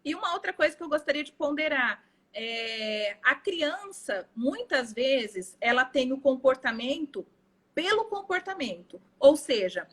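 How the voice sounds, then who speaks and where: Woman, Brazilian accent, psychologist, explanatory, high pitch, casual chat. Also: sing-song, measured pace, fairly bright tone. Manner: explanatory, quotes children in play.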